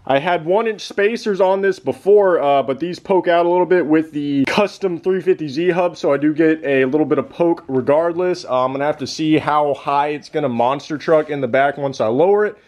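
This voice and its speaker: Man, car vlogger, excited, slangy, rambling, slightly high voice. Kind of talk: casual vlog commentary.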